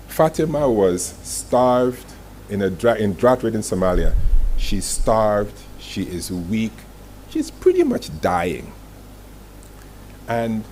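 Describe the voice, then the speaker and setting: A communications executive gives a motivational masterclass before a live audience in a fairly low, darkish voice. He relates stories with emphasis, using clipped dramatic phrasing and rhetorical questions. The recording, made in the live room, is clearly noisy.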